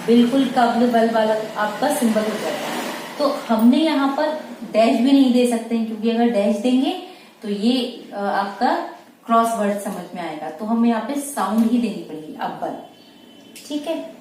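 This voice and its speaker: Slow, deliberate woman teaching shorthand. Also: a little high, darkish tone. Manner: slow and deliberate, repeating words syllable by syllable. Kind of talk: slow dictation-style lesson. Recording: echoey room, far from mic, faint noise.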